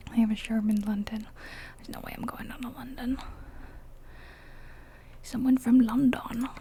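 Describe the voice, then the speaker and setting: An ASMR gaming creator, a woman, whispers her way through a game with chatty, rambling commentary. Her voice is high-pitched and mellow, delivered as a breathy, unvoiced whisper.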